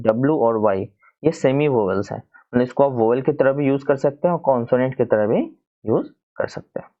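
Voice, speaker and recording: A man teaching English grammar from slides in Hindi, with a Hindi accent. He explains step by step, often checking in with "है ना" and spelling words out slowly. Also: mid-range voice, dull audio.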